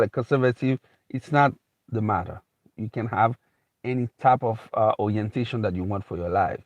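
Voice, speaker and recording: A mid-range male voice belongs to a Haitian man in America giving an improvised motivational talk, rambling, repeating himself, and restarting phrases while saying "you know" often. There is no echo.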